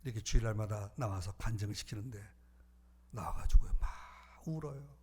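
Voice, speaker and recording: A man preaching a sermon as pastor, animated, shifting between loud calls and hushed asides. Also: lowish voice, brisk, husky.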